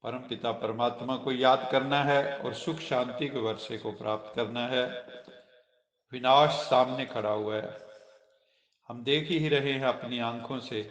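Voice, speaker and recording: Male spiritual teacher, slow deliberate sermon delivery, echoey room. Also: mid-range voice, steady tone, a bit bright, recorded from a distance. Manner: slow, measured explaining with quoted teachings and English phrases. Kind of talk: sermon commentary on a daily spiritual lesson.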